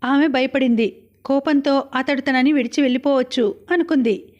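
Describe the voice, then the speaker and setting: A woman with a Telugu accent reading a novel aloud as an audiobook narrator, in a steady storytelling way. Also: high voice, moderate pace, dull audio.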